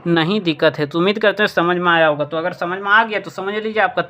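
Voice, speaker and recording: Man, maths teacher, high voice, repeats key points, asks and answers own questions, from india. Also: fast talker, pushed and bright, highs cut off. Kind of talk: step-by-step board lesson.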